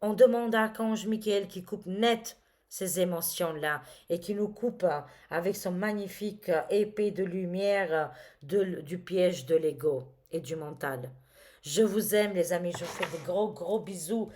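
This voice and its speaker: A woman's voice: lowish voice, unhurried, a little mellow. Dramatic French woman tarot reader. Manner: dramatic, exclaiming, many fillers. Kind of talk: casual tarot reading to camera.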